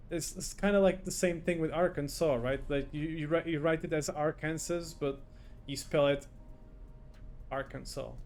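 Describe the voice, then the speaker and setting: A man's voice: on the high side, a little mellow, slight background noise. A man streaming a game live, chatting casually and reacting aloud as he plays and reads chat.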